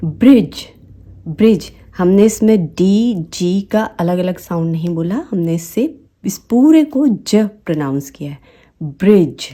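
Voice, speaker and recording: A woman with a Hindi accent, teaching English phonics. She says each example word slowly and repeats it several times. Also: fairly low pitch, expressive, dark tone. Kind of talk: slow, deliberate teaching with repeated example words.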